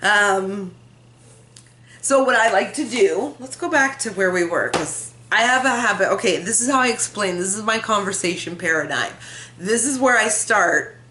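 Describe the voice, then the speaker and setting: A vlogger at home talks to her camera through its built-in mic, the room echoing around her and a little hiss or hum audible. She rambles, teases herself and laughs frequently. Her medium-pitched voice is bright and forceful, with lively intonation and a moderate pace.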